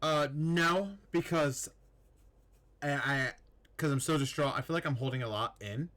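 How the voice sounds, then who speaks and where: A man's voice: a little high, unhurried, fairly bright tone. A man playing a character in a tabletop game, speaking hesitantly with stammers. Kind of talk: casual in-character play.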